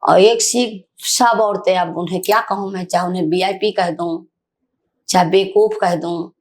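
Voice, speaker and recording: An older woman activist telling a story in an interview, animated and indignant, acting out the dialogue. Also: fairly low pitch, moderate pace. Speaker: activist guest.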